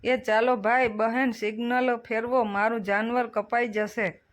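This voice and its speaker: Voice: mid-range voice, little pitch movement, unhurried, lightly acted. Narrator doing a desperate poor herdsman. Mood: pleading. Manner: pleading, urgent cries. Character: poor desperate male buffalo herder.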